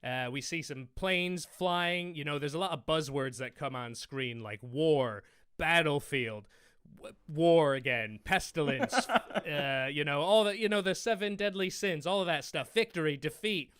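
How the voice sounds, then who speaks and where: A man hosts a film quiz and sarcastically picks apart a movie trailer. His voice is bright and smooth, a little higher than most men's, and recorded dry and close. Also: unhurried, dry recording. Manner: sarcastic, mocking. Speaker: quiz show host. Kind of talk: comic film trailer recap.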